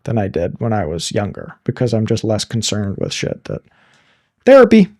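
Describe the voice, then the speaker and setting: A man in his thirties with a mellow, warm voice, chatting as a podcast co-host. He talks frankly and a little crudely, jokes, and restarts his sentences as he thinks aloud. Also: fairly low pitch, wildly swooping pitch, normal speed. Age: 30s. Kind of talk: casual chat.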